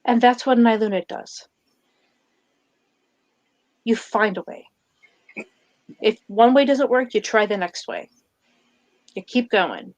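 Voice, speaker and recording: A woman in a tabletop role-play, narrating her character's actions and speaking as her, with halting restarts and fillers. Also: on the high side, no echo, dull audio.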